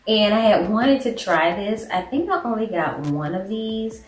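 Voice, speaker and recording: A woman's voice: medium pitch, animated, a little slow. Stuffy-nosed woman chatting through a haul. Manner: chatty, rambling, lots of "like". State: stuffy, congested nose. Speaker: beauty and shopping vlogger. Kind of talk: casual haul chat. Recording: echoey room with faint background noise.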